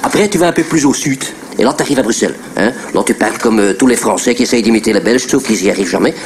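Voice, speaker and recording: Fast-talking man with a Brussels accent. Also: medium pitch, slight background noise. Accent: Belgian French, Brussels. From Belgium. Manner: quick, teasing, demonstrative. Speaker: presenter explaining accents. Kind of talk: comic explainer.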